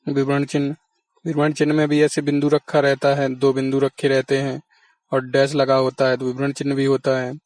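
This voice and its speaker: A man's voice: mid-range voice, completely flat delivery, normal speed, a little mellow, no echo. A man teaching an exam-prep lesson, patiently explaining and answering his own questions.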